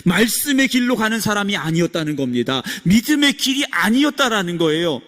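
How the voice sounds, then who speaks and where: Korean pastor preaching in a reverberant church. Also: male voice, high voice, sing-song, a little fast. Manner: preaching with swings from loud rising exclamations to hushed whispers; asks the congregation questions and acts out quoted lines. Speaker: senior pastor. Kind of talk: sermon. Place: church sanctuary.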